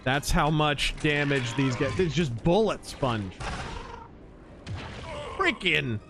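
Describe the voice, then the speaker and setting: Exasperated man streaming a game, lively pitch. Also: slow, music in the background. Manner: exasperated, sarcastic griping. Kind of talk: live gameplay commentary.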